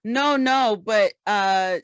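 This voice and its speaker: A woman's voice: mid-range voice, very slow, clean tone, no echo. A woman co-hosting a casual podcast chat, patiently explaining and giving advice. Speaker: podcast co-host.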